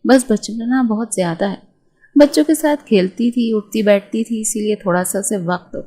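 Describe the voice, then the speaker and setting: A woman reading the part of a calm, reassuring middle-aged mother in a spoken novel, soothing in manner. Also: medium pitch, lightly acted.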